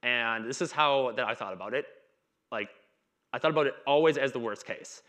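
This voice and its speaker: A man in his thirties talks to a conference audience from a dark stage, keeping his delivery loose and conversational. His medium-pitched voice is brisk and fairly bright, and his speech is broken by stutters, repeats and blocks.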